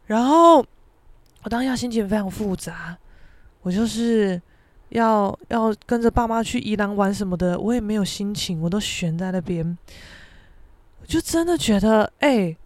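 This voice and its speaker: A young woman with a Taiwanese Mandarin accent tells a story on her podcast in an animated, self-mocking way, swearing freely. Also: mid-range voice, moderate pace, no room sound. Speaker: podcast host.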